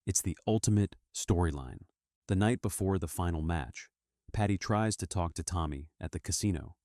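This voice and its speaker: A man narrating a film recap in a steady, dramatic storytelling manner. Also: deep voice, normal speed, no echo, studio quality. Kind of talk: scripted narration.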